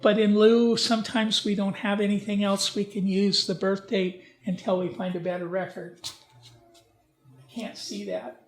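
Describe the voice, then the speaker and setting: With a high voice and a flat delivery, a man leads a casual slide-based genealogy talk in a library event room. His speech is halting and full of restarts, and he often puts questions and asides to the audience.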